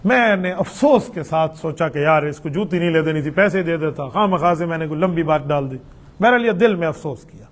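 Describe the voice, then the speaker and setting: A man's voice: a little high, expressive. A middle-aged man, a mufti, answering religious questions in a patient, conversational way, weaving in personal anecdotes. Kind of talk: religious Q&A with storytelling.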